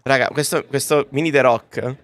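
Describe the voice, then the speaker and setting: Broadcasting live from a comics convention booth, a man talks casually to his viewers through a podcast-style mic. His mid-range voice is slightly bright and moves at a normal speed, and he addresses the audience directly in a chatty way.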